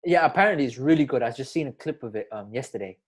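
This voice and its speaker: A man's voice: mid-range voice, lively intonation, fast talker, husky. A young man with a London roadman accent, bantering casually and peppering his talk with street slang. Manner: slangy, peppers talk with bruv, fam and blood.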